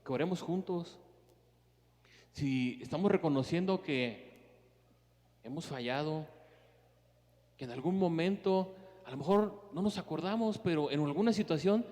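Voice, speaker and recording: A man preaching a sermon as pastor, emphatic, swinging between loud urgency and hushed earnestness as he speaks straight to the congregation. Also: on the high side, big-room sound. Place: church.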